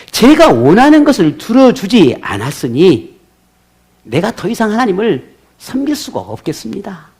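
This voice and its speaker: A man's voice: sits high, voice pushed up, full character voice. A man voicing a resentful grown man who complains bitterly to God in indignant protest.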